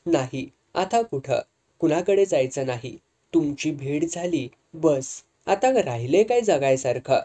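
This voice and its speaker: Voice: medium pitch, expressive, measured pace, warm tone. A storyteller voicing a bedridden, ailing old man who is sarcastic and bitter. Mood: scolding. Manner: sarcastic, scolding.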